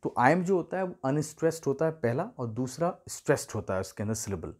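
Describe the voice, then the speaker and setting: A man teaching literature in a video lesson, patiently explaining and repeating key terms with slow emphasis. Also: medium pitch, sing-song, a little mellow, husky.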